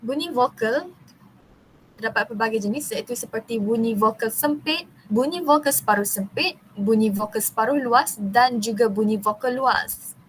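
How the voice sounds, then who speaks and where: A young Malaysian woman reads out a university class presentation in a fairly high voice at a normal, steady, careful pace. Long technical terms trip her up and she restarts them, while a faint hiss sits under the low-quality recording.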